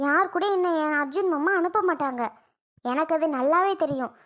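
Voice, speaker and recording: A woman's voice: moderate pace, a bit bright. A woman voicing an injured young wife in a cartoon, who is furious and scolds sharply. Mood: angry. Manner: shrill, scolding, exasperated. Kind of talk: cartoon voice acting.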